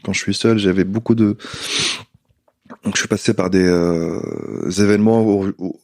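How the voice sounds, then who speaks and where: A man, a podcast guest speaking casually and haltingly, often restarting and repeating words. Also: fairly low pitch, steady tone, gravelly, darkish tone. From Tunisia. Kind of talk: casual conversation.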